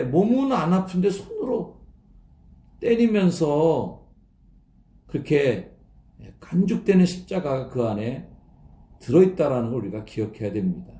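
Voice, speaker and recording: A man preaching at an early-morning prayer service, talking in a casual, storytelling way. His voice is low and gravelly, it rises and falls a lot, and it rings in an echoey church. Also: big pitch swings, unhurried, pauses often, warm tone. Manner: conversational, acting out mocking voices. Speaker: pastor. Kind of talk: sermon.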